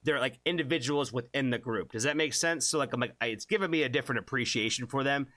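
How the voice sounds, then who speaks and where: A man's voice: mid-range voice, fast, sharp tone, dry recording. A young man hosting a music reaction channel, chatting casually and rambling with many fillers and restarts. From born in Japan, left as an infant.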